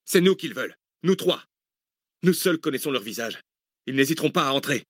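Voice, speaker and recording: A man voicing an urgent young man fleeing danger, shouting commands in an audiobook. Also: mid-range voice, lively intonation, a little fast, husky, no echo, clean studio sound, voice pushed up. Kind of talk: audiobook character voice.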